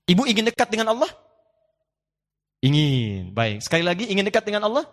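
A male preacher with a high, lively voice delivers a sermon in a big hall, and the long reverb trails each phrase. He plays out small scenes from home life and recites Quranic Arabic between his points. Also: fairly quick.

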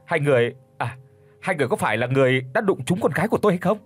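A man voicing a frantic middle-aged father who pleads and shouts in a hurry, with a husky voice. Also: on the high side, expressive, soft background music. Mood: furious. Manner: desperate, shouting, hurried.

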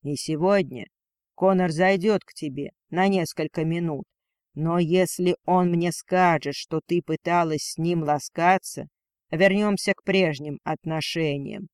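A cold, domineering male dragon lord, played by a male narrator, dropping slightly lower and drawing out his words. His scorn is unhurried and heavy, recorded dry and close with no echo. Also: fairly even intonation, clear, resonant tone, lightly acted. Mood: coldly cunning. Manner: slow, contemptuous growl.

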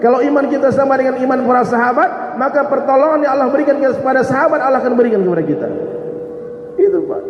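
A man's voice: extremely high pitch, quick pace. A man preaching a sermon, talking directly and jokingly to his listeners. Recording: echoey hall, dull sound.

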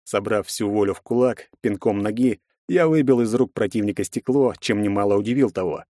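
A man narrating a first-person fantasy audiobook in a measured storytelling manner. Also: on the low side, mellow, dry recording, studio quality.

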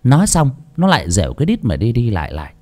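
A man narrating a story aloud with an expressive reading style. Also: medium pitch, fast. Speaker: audiobook narrator. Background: faint background music.

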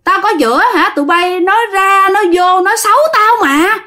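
A woman with a Southern Vietnamese accent voicing a bitter, vengeful female ghost who scolds in a raised, shrill voice. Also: brisk, pushed and bright.

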